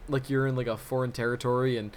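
A man co-hosting a podcast, telling a story in relaxed, casual chat with lots of fillers. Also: mid-range voice, fast. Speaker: podcast co-host.

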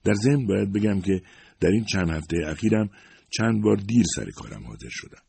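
A man's voice: fairly low pitch, lively intonation, vocal fry, mellow, slightly rough, no room sound, voice pushed up, heavily acted. A man voicing a humble, worried secretary in her fifties who talks hesitantly and apologetically. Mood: apologetic. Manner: hesitant, modest, self-excusing.

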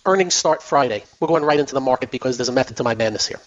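A man with a mid-range voice and lively intonation races through casual market talk as host of a finance radio show. He is losing his voice, chats loosely, repeats himself and uses many fillers. The broadcast sounds dull and lo-fi.

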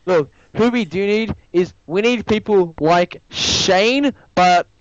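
A man's voice: sits high, takes it slowly, dry recording, dull audio. A young man chatting casually on a podcast, rambling and cutting in with "look, look" to take the floor. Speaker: podcast co-host. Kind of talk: casual chat.

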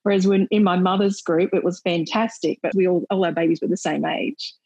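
Brief: middle-aged woman, husky lowish voice, dry close sound, chatty with easy laughs. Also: fairly even intonation, a little fast, mellow, no room sound, lo-fi sound. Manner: chatty, laughs often, earnest. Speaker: maternal and child health nurse and volunteer. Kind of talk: casual interview chat.

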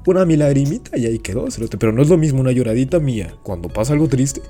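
A man's voice: mid-range voice, expressive, fast talker, warm tone, faint music behind. A young man with a Guatemalan Spanish accent, co-hosting a casual podcast chat in a slangy, profane, joking way. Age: young adult. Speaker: podcast co-host.

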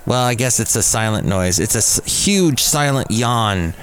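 This podcast host talks through entertainment news alone, wry and opinionated, in a mid-range, fairly bright voice. His delivery is animated yet unhurried, and the background noise and ambience are clearly audible.

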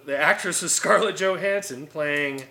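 A man chatting casually as a podcast co-host. His voice sits a little high and rings bright and sharp. He rambles through his stories with frequent fillers and restarts and laughs often. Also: normal speed, vocal fry. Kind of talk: casual chat.

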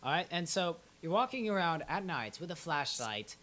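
A man playing an earnest, exasperated courtroom lawyer who questions a witness politely and haltingly in an improvised mock trial. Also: on the high side, very animated, bright, forceful tone. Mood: questioning. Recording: clear background hiss.

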